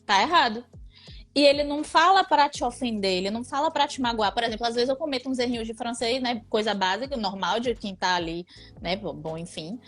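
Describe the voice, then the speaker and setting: A woman's voice: a little high, fast, soft background music. A young woman from Brazil with a Bahian accent, chatting casually as an interview guest and laughing often. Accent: Bahian Portuguese.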